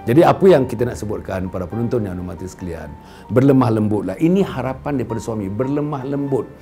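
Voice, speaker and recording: A middle-aged man with a Malaysian Malay accent delivers a sermon to his viewers, his pitch swinging widely as he acts out little bits of dialogue. His voice sits at an ordinary middle pitch for a man, and he adds playful asides as he goes. Soft music plays faintly underneath. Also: fast. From Klang, Selangor, Malaysia. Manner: animated, acts out quoted speech, playful asides. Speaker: religious speaker addressing viewers. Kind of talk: lecture-style sermon to a camera audience.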